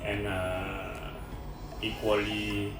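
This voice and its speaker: Cameroonian guy talking real slow, deepish voice, far off in an echoey room w music behind. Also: flat delivery. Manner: slow and halting, many fillers. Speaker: interview guest, French teacher. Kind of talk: casual interview.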